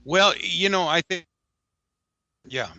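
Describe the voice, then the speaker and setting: A man from the United States calling in as a guest, his audio glitching and breaking up, talking haltingly and often restarting his phrases. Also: high-pitched, bright, forceful tone, dry recording. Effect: glitchy phone line that keeps breaking up. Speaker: guest caller. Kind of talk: call-in interview. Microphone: phone line. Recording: dull lo-fi call audio.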